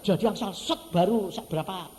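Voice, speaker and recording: A man preaching a sermon in an animated, storytelling way, acting out the voices of the people in his stories and swinging from loud to soft. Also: high voice, fast, noisy background. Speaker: evangelist preacher. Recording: church hall reverb, faint ambience.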